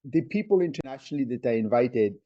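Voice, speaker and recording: A man's voice: medium pitch, lively intonation, fast talker, dark tone, highs cut off. A man hosting an interview podcast, talking in a reflective, explanatory way. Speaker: podcast host. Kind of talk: conversational interview.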